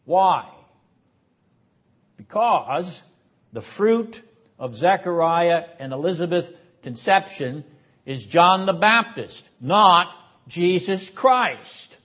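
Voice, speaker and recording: A man preaching a Bible lecture in an emphatic, deliberate way with sarcastic asides. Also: sits high, a bit bright. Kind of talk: sermon-style Bible lecture. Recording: dull lo-fi recording.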